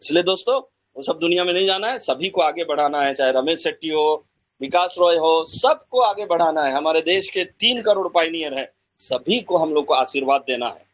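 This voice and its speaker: A man giving an emotional motivational address to a gathering, fervent and repetitive, swinging between loud bursts and slow drawn-out phrases. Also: fairly high pitch, lively intonation, muffled recording. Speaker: speaker addressing Pi pioneers.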